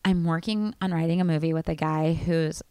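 A woman screenwriter chatting casually as a podcast co-host, relaxed and supportive. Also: low-pitched, a little fast, clean tone, dry recording, studio quality. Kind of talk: casual chat.

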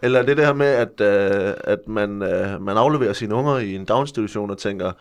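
A man's voice: fairly low pitch, clean tone, close to an everyday voice. Guy playing a dead serious workshop dude in his 30s, lots of uhs, total earnest pride. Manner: earnest, hesitant, many fillers. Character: earnest male workshop leader preaching crude national pride. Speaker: guest. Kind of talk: deadpan improvised comedy interview.

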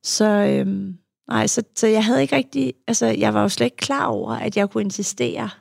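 Young woman guest, frank and reflective, very gravelly voice, dry close sound. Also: mid-range voice, lively intonation, darkish tone, no echo. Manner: frank, reflective, with frequent fillers. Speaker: guest, adult child of an alcoholic; youth therapist. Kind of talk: candid conversational storytelling.

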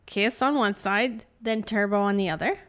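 A woman's voice: mid-range voice, moderate pace. A woman in a casual chat, chiming in with short remarks and laughter.

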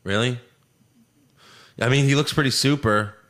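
A man's voice: mid-range voice, normal speed, a bit bright. A young man co-hosting a casual entertainment chat, sounding stoned, loose and offhand, swearing casually. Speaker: co-host of a pop-culture show.

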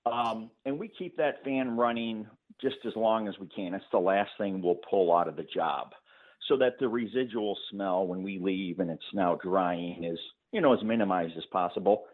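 A lower-voiced man talks through a tinny, phone-like line on a radio call-in show. He explains his painting work patiently, with lots of fillers, and laughs easily. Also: moderate pace. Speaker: painting contractor guest. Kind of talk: phone-in interview.

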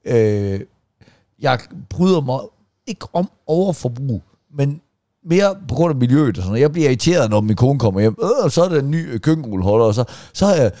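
A middle-aged man co-hosting a podcast in casual chat, swearing and ranting with animated energy. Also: medium pitch, no echo, studio quality. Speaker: podcast co-host.

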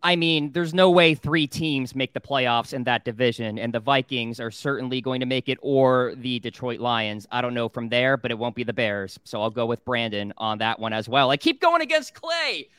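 A man hosting a sports betting talk show, reading out odds and moving briskly from one segment to the next. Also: mid-range voice, expressive, a bit bright, clear, resonant tone, no echo, clean studio sound. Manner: brisk, moves the segments along.

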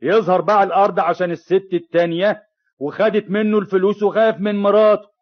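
An actor with an Egyptian accent playing a smooth-talking, mocking swindler in a 1960s radio drama, playing to onlookers. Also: male voice, sits high, fairly even intonation, quick pace, natural voice. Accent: Egyptian Arabic. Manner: glib, playing to the crowd. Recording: lo-fi old radio recording.

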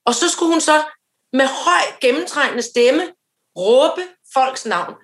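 A woman's voice: sits high, reverberant. A woman co-hosting a podcast, telling a story in casual chat and acting out the voices of people in it. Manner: animated storyteller, acts out quoted voices, laughs often. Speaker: podcast co-host.

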